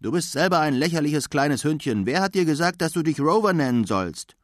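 A man's voice: a little high, lively intonation, a little fast, no room sound, clean studio sound, voice pushed up, lightly acted. A man voicing a tiny, proud dog who barks back in indignation. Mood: indignant. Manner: barking, indignant.

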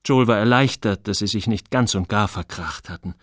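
A man reading a novel aloud as narrator in expressive storytelling. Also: fairly low pitch, moderate pace, no room sound, studio quality. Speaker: audiobook reader. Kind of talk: scripted narration.

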